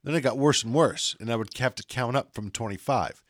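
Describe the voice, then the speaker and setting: A man's voice: mid-range voice, fairly quick, dry recording, clean studio sound. A man in his forties co-hosting a podcast, chatting casually and joking at his own expense. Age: 40s. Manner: chatty, animated, self-deprecating. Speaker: podcast co-host. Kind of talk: casual chat.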